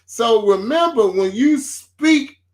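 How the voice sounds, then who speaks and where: A man with a high voice talks about faith in a relaxed, preaching way. He speaks slowly and circles back to his points with phrases like "see" and "so remember." He sounds like a co-host on a homespun talk show. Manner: informal, builds points slowly with repeated phrases.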